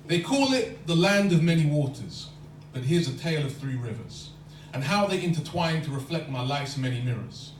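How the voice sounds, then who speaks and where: A London man recites rhyming spoken word poetry at normal speed, keeping a steady rhythm in a slightly high voice. He's recorded from far back in an echoey lecture hall, with a faint hum running underneath.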